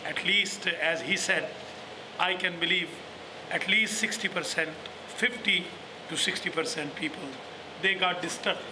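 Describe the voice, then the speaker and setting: A man's voice: high voice, unhurried, background noise. A man leading a small mosque, welcoming visitors and speaking formally and earnestly in non-native phrasing.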